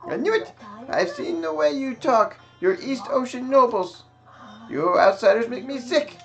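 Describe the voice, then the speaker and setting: A man's voice: very high voice, animated, measured pace, vocal fry, a bit bright, dull audio, soft background music, voice pushed up, full character voice. A man voicing a scornful male trader who sells cave intel and despises outsiders, reading game dialogue aloud with a sneering tone. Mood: contemptuous.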